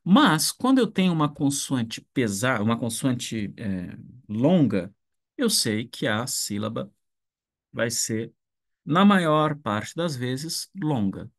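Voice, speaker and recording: A man gives an unhurried online lesson, working through each point aloud. He often restarts his sentences and checks in with the class as he goes. His voice sits at an ordinary male pitch. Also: big pitch swings. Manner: slow, thinking aloud with restarts and "né?". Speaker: ancient Greek teacher. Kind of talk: online lecture.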